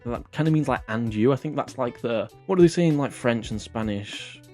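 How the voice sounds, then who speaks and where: A man's voice: medium pitch, a little fast, darkish tone, soft background music. A man hosting a casual comedic vlog, rambling and self-mocking, swearing often. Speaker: vlog host.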